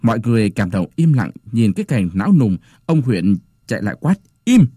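Man, narrator, story reading, expressive, dry close sound. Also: lowish voice, brisk, husky, dry recording.

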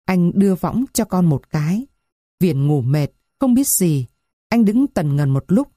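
A woman narrating a village story in a measured, expressive reading. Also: lowish voice, no room sound, clean studio sound.

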